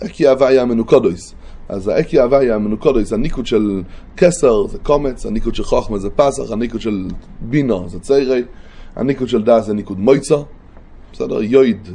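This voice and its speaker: A man teaching a religious text in a lesson, with a mellow voice. He works through the material step by step and keeps checking that his listeners follow. Now and then he stops to think aloud and recall a term. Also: mid-range voice.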